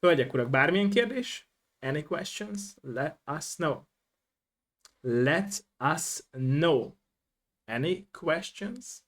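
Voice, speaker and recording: A man's voice: fairly high pitch, animated, takes it slowly, a bit bright. A man hosting a casual live-stream interview, his voice cutting out and dropping away over a bad online connection. He keeps agreeing and repeating calls to his audience. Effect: bad online connection, voice cutting out and dropping in level. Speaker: stream host interviewing a game developer.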